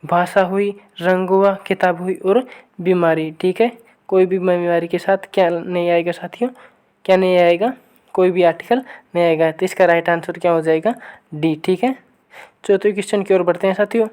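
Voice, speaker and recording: A woman teaching an online grammar lesson, who keeps asking her viewers for the right answer and reads each sample sentence slowly and again. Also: on the low side, steady tone, a little mellow. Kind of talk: online exam-prep lesson.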